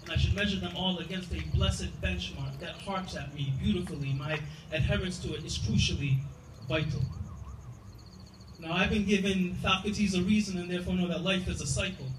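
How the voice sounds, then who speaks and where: Performing spoken word poetry, this male poet rhymes rhythmically in a high-pitched voice at a slightly quick pace. The sound comes from a distance in an echoey room, with loud noise throughout.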